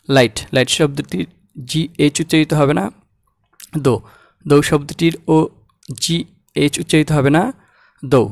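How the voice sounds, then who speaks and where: Guy teaching pronunciation, kinda high voice, super dry close sound. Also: no echo. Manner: repeats example words slowly and clearly. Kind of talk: slow, deliberate language lesson.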